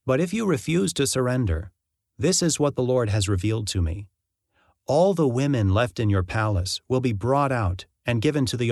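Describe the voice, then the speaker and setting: A man giving voice to a grave old prophet, speaking in steady, solemn warnings. The sound is dry and close with no room around it, and the pitch sits at an ordinary middle. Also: no echo. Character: prophet Jeremiah, grave bold older man.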